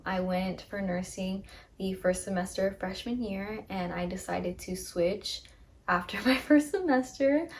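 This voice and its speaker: A woman's voice: mid-range voice, creaky. A woman in her twenties chatting casually about herself, upbeat and full of ums, recorded on a phone. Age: 20s. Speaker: podcast host. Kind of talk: casual get-to-know-me chat. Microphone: phone camera.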